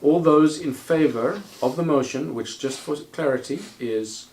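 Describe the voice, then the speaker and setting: A man's voice: on the high side, a little mellow, a little hiss or hum. Man chairing a council meeting. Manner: procedural, brisk, wry asides.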